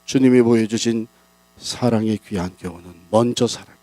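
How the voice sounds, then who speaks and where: A man preaching at a church revival, rising and falling sharply in pitch and loudness as he presses his points. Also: brisk, no echo, low-quality recording. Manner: dramatic, big swings in pitch and loudness. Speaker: pastor. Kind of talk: revival sermon.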